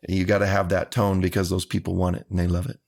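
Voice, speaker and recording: A man talks about his music as an interview guest. His voice sits very low with a gravelly rasp, and his phrasing is earnest and folksy. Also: completely flat delivery, quick pace, a little mellow. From Texas. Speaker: country singer guest. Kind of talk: casual interview answers.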